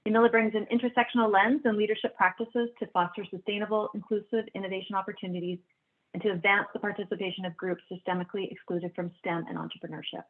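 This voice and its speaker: Woman moderator talking fast, tinny phone-like sound. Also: mid-range voice, steady tone. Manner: upbeat and brisk. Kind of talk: hosting a panel.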